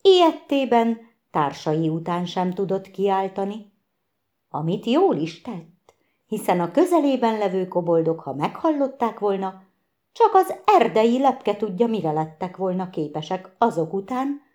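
A woman reading a children's fairy tale aloud in an expressive, gentle storytelling manner. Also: mid-range voice. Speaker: narrator.

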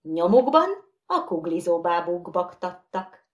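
A woman narrating a children's story aloud in a lively, expressive reading. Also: fairly low pitch.

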